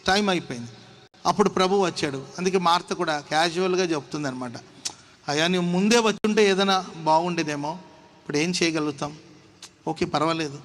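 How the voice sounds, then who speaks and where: A man preaching with a high, carrying voice. He acts out the people in his story and builds up to loud, forceful passages. A faint hum of noise sits under the recording. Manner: dramatic, acts out dialogue, rises to shouting. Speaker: pastor. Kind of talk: sermon.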